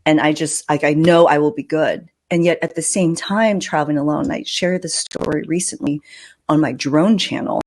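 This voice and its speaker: Low and a bit dark in tone, a woman hosts a podcast in casual chat mode. Her personal stories come with emphasis and joking asides.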